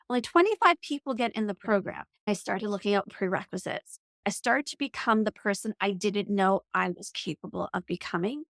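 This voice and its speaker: A woman's voice: medium pitch, fairly bright tone, no echo, clean studio sound. A woman in her forties, a coach and podcast guest, telling her story earnestly and reflectively with many "like" fillers. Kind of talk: conversational storytelling.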